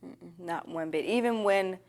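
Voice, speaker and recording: Woman with a lower voice. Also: unhurried, darkish tone. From Nashville, Tennessee. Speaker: interviewee. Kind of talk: candid conversational interview answers.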